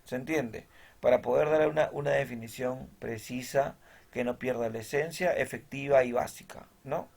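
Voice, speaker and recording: A man's voice: mid-range voice, normal speed, creaky, darkish tone. A male teacher giving a recorded lesson. He explains step by step, checks in with his students after nearly every point and reads definitions from the text aloud.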